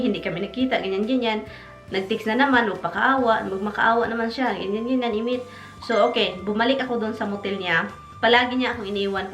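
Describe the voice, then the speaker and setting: A woman's voice: medium pitch, fairly bright tone. A Filipina woman vlogger telling a personal story in a casual, emotional, rambling way, addressing viewers as "guys" over and over. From Philippines. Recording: echoey room with faint music.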